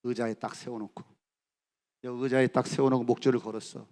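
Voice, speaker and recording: A middle-aged man preaching at a youth camp service, telling the story dramatically and acting out the characters' lines, swinging from shouts to hushed near-whispers. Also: mid-range voice, little pitch movement, quick pace. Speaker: pastor. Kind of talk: sermon.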